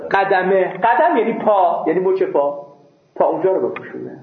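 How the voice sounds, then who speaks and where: Over a phone-like line from an echoey room with a noisy background, a man leads a seminary class. His high, animated voice reads the text a phrase at a time, then he translates and explains each part simply, with the occasional joke.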